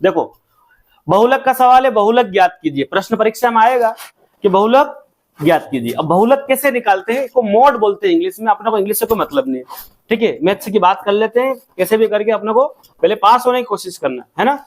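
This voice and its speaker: A man with a high voice takes a class through a maths problem step by step. He keeps asking his pupils questions and then answers each one himself. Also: lively intonation, brisk. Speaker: maths teacher.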